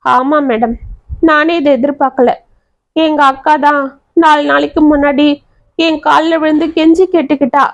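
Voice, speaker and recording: A woman's voice: high voice, fairly even intonation, normal speed, pauses often. Tearful young village woman, voiced by a woman narrator. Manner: tearful, earnest colloquial speech. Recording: dry, slightly dull audio.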